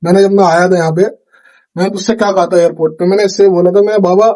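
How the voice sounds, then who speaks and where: A man's voice: high-pitched, steady tone, fast talker, warm tone. A young man chatting casually in a vlog, retelling a night's events with lots of quoted dialogue, from India. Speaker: vlogger. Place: home kitchen at night.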